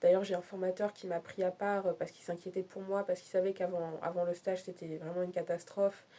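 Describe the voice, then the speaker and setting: A woman's voice: fairly low pitch, little pitch movement, a little fast, dark tone. A young woman from France talking candidly in a casual personal vlog, rambling with many fillers and restarts. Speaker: vlogger.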